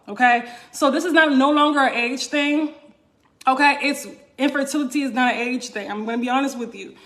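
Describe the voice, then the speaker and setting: A woman wellness coach speaks to her online viewers in a high voice. She presses her points with repetition and keeps checking in with "right?" and "okay?". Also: fairly bright tone. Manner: emphatic, repeats points, asks "right?" and "okay?". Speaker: wellness coach hosting a live stream. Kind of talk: casual live-stream talk to viewers.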